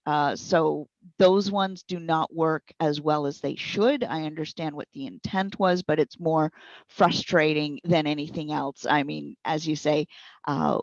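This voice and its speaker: Low-voiced with vocal fry, a female speech recognition consultant and trainer offers practical, step-by-step explanations with examples while being interviewed. The recording is muffled and has no room sound.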